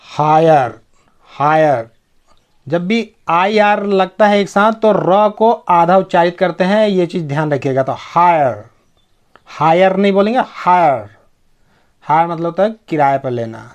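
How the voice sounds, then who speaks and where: Slow, patient Indian man teaching pronunciation. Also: sits high, lively intonation. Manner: spells words letter by letter, repeats each word, checks understanding. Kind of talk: spelling-out pronunciation lesson.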